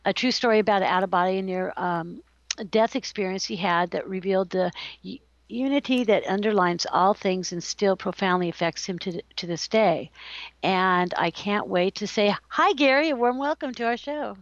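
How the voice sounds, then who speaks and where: A woman's voice: mid-range voice, normal speed, dry recording, dull audio. A woman hosting a casual show, giggly, chatty and theatrical in her delivery. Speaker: host. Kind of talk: casual radio-show chat. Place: California.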